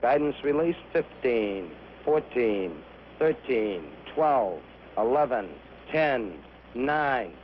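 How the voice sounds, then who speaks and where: A man giving a steady, matter-of-fact launch countdown as a control commentator, heard over a crackly archival radio transmission. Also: mid-range voice, takes it slowly. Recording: muffled archival radio with faint hiss.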